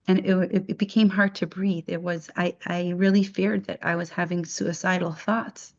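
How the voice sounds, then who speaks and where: Soft-spoken woman telling a personal story. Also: on the low side, flat delivery, dull audio. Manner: halting, reflective, with frequent restarts. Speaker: interviewee sharing her story. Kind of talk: personal testimony.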